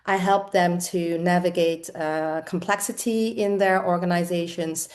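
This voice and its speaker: A woman's voice: fairly low pitch, steady tone, measured pace. A middle-aged woman from the Netherlands, an executive coach, answering interview questions in a thoughtful way with frequent fillers.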